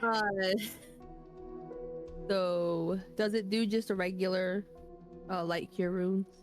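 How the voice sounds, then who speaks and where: A woman's voice: mid-range voice, steady tone, slow. Female player, casual and amused, music plainly audible. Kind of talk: casual game chat.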